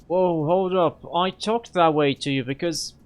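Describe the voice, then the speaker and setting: A man reading a game aloud and voicing a nervous, defensive male hacker in a higher, strained voice. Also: fairly quick, natural voice.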